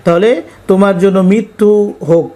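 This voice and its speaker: A religious teacher giving a pronunciation lesson, speaking to viewers directly, spelling out sounds and drawing out each example word slowly. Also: mid-range voice, fairly even intonation, warm tone. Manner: drawn-out, slow model pronunciations between brisk explanation.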